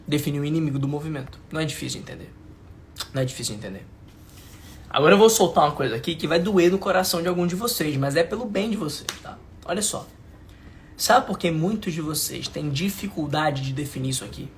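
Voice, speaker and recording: A fast-talking, animated man with a fairly high pitch and a Brazilian Portuguese accent gives a live online class lecture as a mentor, with slight background noise. Emphatic and informal, he uses slang, repeats points, talks to viewers, and asks if it makes sense.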